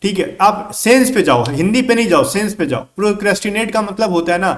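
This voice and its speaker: A man's voice: sits high, a little fast. A man with an Indian English accent teaching an exam-prep English lesson. He talks in a chatty, coaxing way and keeps asking his students' questions for them.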